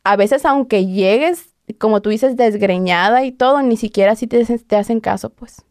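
A woman's voice: a little high, normal speed, darkish tone, dry recording. Earnest young woman, dry sound. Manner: earnest, restarts sentences, acts out what others said. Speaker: podcast guest. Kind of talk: personal account in conversation.

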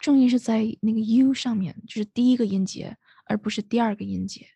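A woman teaching English pronunciation in Mandarin, switching into English and modeling words slowly. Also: fairly high pitch, creaky, mellow, slightly rough, no echo. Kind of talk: bilingual pronunciation lesson.

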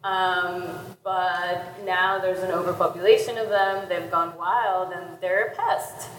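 A woman with a Puerto Rican accent talking thoughtfully in a panel conversation, haltingly repeating words as she forms her ideas. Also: fairly low pitch, fairly even intonation. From Puerto Rico. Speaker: panelist, anthropologist. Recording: echoey reverberant room with clear background noise.

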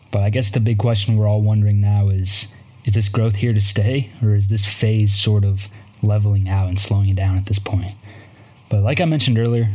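Male podcast host, lowish pitch, measured explanations, market commentary. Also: mellow.

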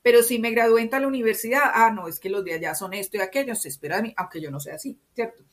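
Speaking fast in a slightly high voice, this interview guest is a woman from Medellín with an Antioquian paisa accent. Her conversational, expressive explanations regularly check in with the listener through tag questions.

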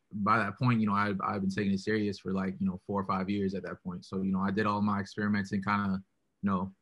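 A deep-voiced young rapper responds to interview questions in a relaxed manner, sprinkling in plenty of "like" and "you know."

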